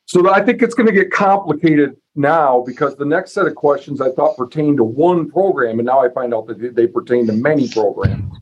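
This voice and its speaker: A man's voice: medium pitch, a little fast, slightly rough, highs cut off. A man hosting a casual interview in a folksy, self-deprecating way, thinking aloud as he asks his questions. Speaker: podcast host.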